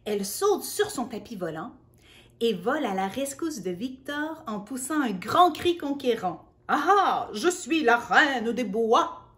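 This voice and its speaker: A woman reading a picture book aloud to a child, gentle and playful, dropping into soft whispered asides. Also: fairly high pitch. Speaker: children's storyteller.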